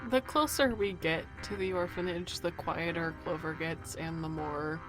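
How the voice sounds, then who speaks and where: A woman playing a tabletop game, asking quick questions and describing her character's actions. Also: lowish voice. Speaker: player. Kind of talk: casual tabletop play. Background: background music.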